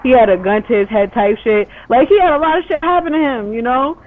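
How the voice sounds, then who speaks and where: A woman's voice: on the high side, quick pace, over a noisy crowd. A woman from Ethiopia, a guest in casual conversation, rambling with lots of "like" and "you know" and casual swearing. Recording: tinny, dry phone-like line.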